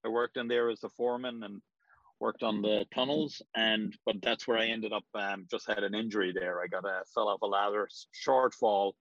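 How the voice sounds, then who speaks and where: A middle-aged Irish man talks through his answers loosely, pausing on ums and restarting his sentences. His voice sits a little low and sounds dry and close. The recording is dull and slightly lo-fi. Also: fairly even intonation, creaky, fairly bright tone, no echo. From Ireland. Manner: rambling, hesitant with frequent ums. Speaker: real estate agent, guest. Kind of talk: casual interview answers.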